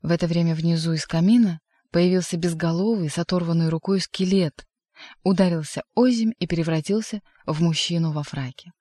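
A narrator reads a literary audiobook in a measured, expressive way. The voice sits at a middle pitch and is recorded dry and close to the mic. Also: no room sound.

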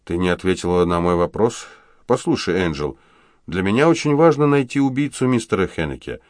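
A man reading an audiobook, voicing a calm, polite police chief who speaks with patience. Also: low-pitched, fairly quick, dry recording, studio quality. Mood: patient. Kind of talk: audiobook character voice.

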